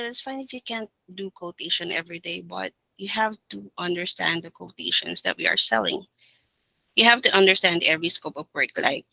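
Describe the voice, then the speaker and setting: Bright, forceful Filipino woman coaching staff. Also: on the low side, no echo, poor audio. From Philippines. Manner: direct, instructive, insistent, repeats points. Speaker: trainer of call center staff. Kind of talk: informal staff training talk.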